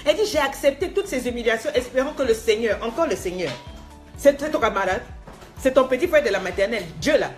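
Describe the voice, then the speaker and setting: Animated high-voiced woman coach scolding. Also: fast talker, soft background music. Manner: scolding, mocking, laughing, mixes in English phrases. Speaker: life coach. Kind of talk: animated motivational talk.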